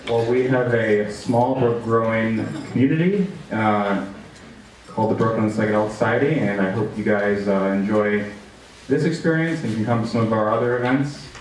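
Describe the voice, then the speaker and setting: A man's voice: lowish voice, moderate pace. A man hosting a live event, chatty and upbeat, with many fillers, introducing the speakers to the audience. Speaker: event host and moderator. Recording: echoey room, far from the mic, audible noise.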